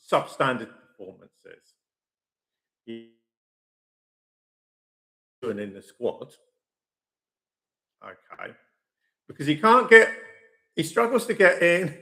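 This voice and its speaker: A man talking casually to his stream audience, his mid-pitched voice rising and falling a lot. He is chatty and opinionated, often stopping to say "okay" and repeat his points. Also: fairly bright tone. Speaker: host of a live stream channel. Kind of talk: casual football opinion talk.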